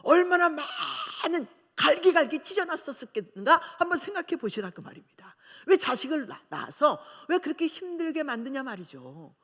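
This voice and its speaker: Animated woman pastor, reverberant church. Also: sits high, moderate pace, hardly any pauses. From Korea. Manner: animated storytelling, acting out family quarrels. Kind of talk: revival sermon. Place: church sanctuary. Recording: long church hall reverb.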